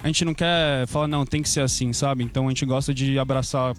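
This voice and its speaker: Young guy songwriter, pretty monotone, laid back, faint music behind. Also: medium pitch, quick pace. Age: 20s. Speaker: band songwriter, guest. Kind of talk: casual radio interview.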